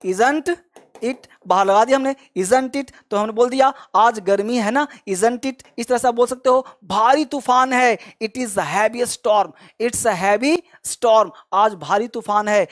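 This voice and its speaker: A man teaching a spoken English lesson, repeating example sentences slowly and adding encouraging, chatty asides to the learners. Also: very high-pitched. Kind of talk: online language lesson.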